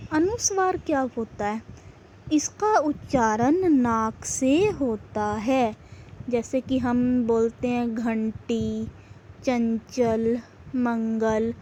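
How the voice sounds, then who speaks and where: A high-pitched woman teaching a class, speaking slowly and deliberately. She poses questions to her pupils and then answers them herself. A faint hum of noise sits behind her voice. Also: a little mellow. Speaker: school teacher. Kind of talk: classroom grammar lesson.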